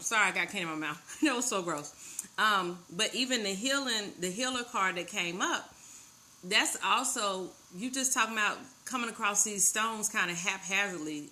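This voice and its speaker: A woman's voice: on the low side, slight background noise. A talkative woman giving a casual tarot card reading on a live stream, speaking directly and encouragingly to one person. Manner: chatty and talkative; warm, encouraging, addresses listener directly.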